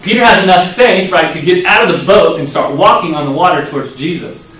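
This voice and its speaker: A man preaches in a big echoey hall, his slightly high voice carrying from a distance off the mic. He tells the story vividly and acts out the quoted lines with sudden bursts of loudness. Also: fairly quick. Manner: lively storytelling, acting out quoted lines with sudden loud rises. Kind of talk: sermon.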